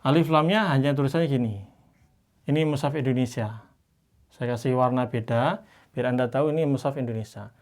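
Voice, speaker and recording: A man teaching Quran reading in a class, patiently explaining and slowly modelling each Arabic word. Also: mid-range voice, a little mellow. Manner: patient, slows down to model Arabic words drawn out; explains by pointing at written examples.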